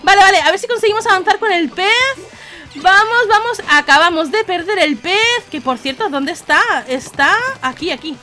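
A young woman from Spain talks through an online match with a bright, high voice that swings widely as she reacts. She has a Spanish accent and an excitable manner. She laughs often and shouts quick warnings to her teammates. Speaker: gaming YouTuber. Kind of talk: live gameplay commentary.

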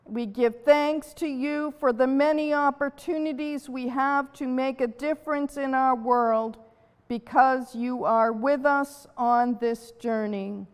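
High-voiced woman praying in a church. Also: steady tone, slow, smooth. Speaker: worship leader. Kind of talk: leading prayer and scripture reading. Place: church sanctuary. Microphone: far camera at pulpit. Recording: reverberant church from afar.

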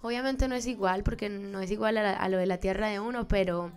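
A woman's voice: medium pitch, steady tone, fast, clean tone. A woman in her twenties from Colombia with a Paisa accent, a singer talking as a guest in a studio interview at a mic. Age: 20s. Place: small studio, indoors. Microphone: studio mic on a stand.

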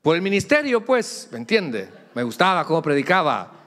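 A man's voice: on the high side, big pitch swings, normal speed, a bit bright, big-room sound. A middle-aged man, a pastor preaching a sermon in a conversational way with humorous asides to the congregation. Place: church sanctuary.

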